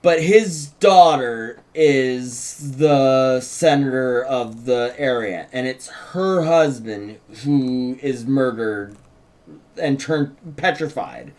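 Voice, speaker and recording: Speaking slowly at medium pitch with a somewhat mellow tone, this man co-hosts a casual, unscripted writers' chat and introduces a script read as a writer. He interjects often, restarting sentences to insist on what he means.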